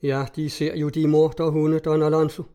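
A man voicing a calm, commanding young nobleman, speaking in a hushed, urgent manner. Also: fairly high pitch, smooth, lightly acted. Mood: firm.

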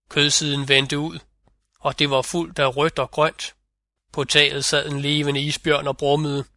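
A man's voice: a little high, sharp tone, no room sound. A man voicing the boastful male North Wind in a fairy-tale audiobook reading. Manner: boastful, vivid storytelling.

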